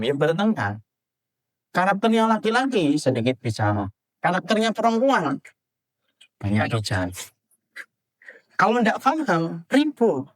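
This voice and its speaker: A man from Java giving an animated sermon, asking the audience questions and acting out little scenes. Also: sits high. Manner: animated, rhetorical questions to the audience, acts out husband and wife. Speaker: preacher.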